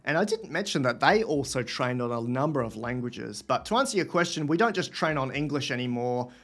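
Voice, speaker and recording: Lively and a little fast, a man in his thirties runs a Q&A livestream from home, reading out what viewers ask and thinking out loud to his webcam. His voice sits mid-range with a fairly bright tone.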